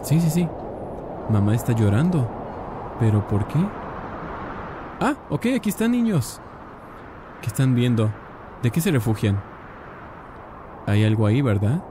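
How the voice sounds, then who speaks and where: A man casually commentating a game, chatty and excitable, talking to his viewers. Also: medium pitch, unhurried, long pauses, background noise. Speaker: gaming youtuber. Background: game music.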